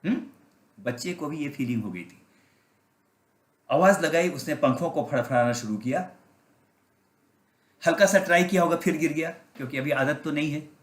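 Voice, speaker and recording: A man's voice: a little high, lively intonation, moderate pace, long pauses. A male pastor preaching a storytelling sermon, asking his listeners questions and slipping English phrases into his talk. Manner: asks the congregation questions and mixes in English phrases. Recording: roomy, echoey sound.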